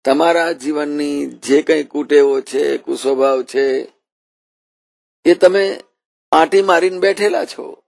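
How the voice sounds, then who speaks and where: A man voicing a calm, wise wandering holy man who speaks in a patient, earnest teaching tone. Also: fairly high pitch, slow, creaky, pauses often, no room sound.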